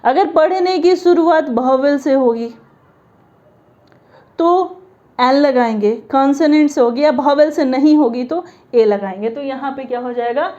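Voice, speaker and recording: High-voiced woman teaching grammar. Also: dark tone, highs cut off. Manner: explains step by step, sounds out letters slowly. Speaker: English teacher. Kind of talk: classroom grammar lesson.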